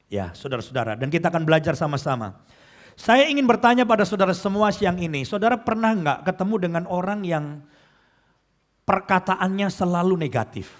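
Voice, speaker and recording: A male pastor preaching a sermon, often putting questions to the congregation and calling them brothers and sisters, slowing down on key phrases. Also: high voice.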